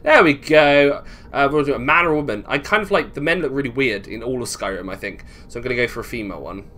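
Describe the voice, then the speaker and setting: Fast and sharp-toned, the British host's medium-pitched voice has lively intonation as he thinks aloud through a casual, wandering playthrough. Game music plays beneath his commentary. Some slight background noise is audible.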